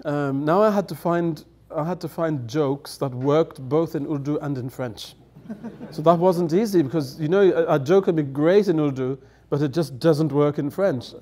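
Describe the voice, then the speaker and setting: A guest elder, middle-aged and a native English speaker, tells conversational anecdotes while seated at a table on a studio set framed by dark curtains. He speaks at normal speed with a warm, fairly high voice, laughing and acting out quoted lines.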